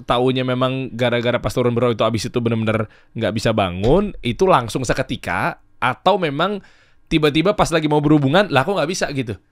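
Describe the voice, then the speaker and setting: Soft-spoken man hosting a podcast. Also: medium pitch, brisk, no echo, studio quality. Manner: soft murmured reactions, hesitant careful questions. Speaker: podcast host. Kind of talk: podcast interview.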